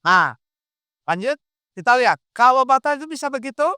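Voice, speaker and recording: A man's voice: very high voice, fairly quick, clear, resonant tone, dry recording. A man preaching an interactive sermon, asking his listeners question after question as he explains. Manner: animated, quizzes the audience with questions.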